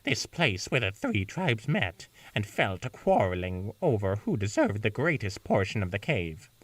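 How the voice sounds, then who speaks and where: A man's voice: fairly low pitch, very animated, moderate pace, no echo, recorded from a distance. A man voicing a regal, ancient female pony princess, reading her lines in a stately, raised voice. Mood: solemn.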